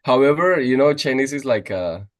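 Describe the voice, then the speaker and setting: A man's voice: medium pitch, moderate pace. A young man, a podcast guest in casual chat, restarting often and using many fillers. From Costa Rica. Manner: restarting, filler-heavy, lively.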